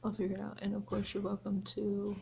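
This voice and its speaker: A woman's voice: medium pitch, monotone, fast, gravelly, slight background noise. Woman, homeschooling mom vlogger, casual chat, lots of ums and restarts, slightly muffled recording. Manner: rambling, many ums and restarts. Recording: slightly dull lo-fi audio.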